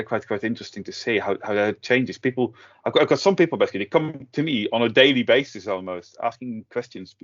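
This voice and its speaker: A middle-aged man from the Netherlands talks casually, often stopping to restart his sentences. His voice sits on the low side. The audio is dull and lo-fi. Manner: hesitant, many restarts and fillers. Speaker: guest, tech blogger. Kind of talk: casual interview talk.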